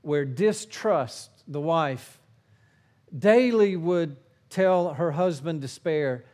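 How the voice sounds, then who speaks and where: A middle-aged man preaching a sermon in an earnest way, swinging between forceful emphasis and hushed, low phrases. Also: takes it slowly.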